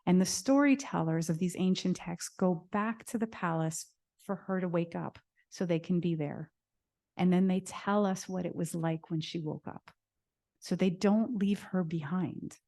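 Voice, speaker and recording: A woman giving a lecture, telling an ancient story in an animated, dramatic way. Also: lowish voice, unhurried. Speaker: guest lecturer.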